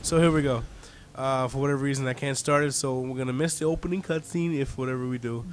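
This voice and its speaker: A man's voice: mid-range voice, fairly even intonation, fast, slight background noise. A man in his twenties with a frog in his throat, playing and commenting casually, swearing freely. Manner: laid-back, swears casually. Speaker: gaming co-host and player. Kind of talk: casual let's-play commentary.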